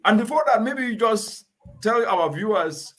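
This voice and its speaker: Male host, emphatic and earnest, voice sitting a bit high. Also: animated, a little slow, fairly bright tone. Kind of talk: talk show interview.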